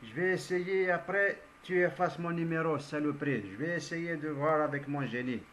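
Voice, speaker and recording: A man's voice: a little high, normal speed, slight background noise, pitched above the performer's own voice, lightly acted. A man doing a scolding, exasperated genie pal. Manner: excitable, scolding, protesting. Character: exasperated male genie's go-between, brotherly and rude.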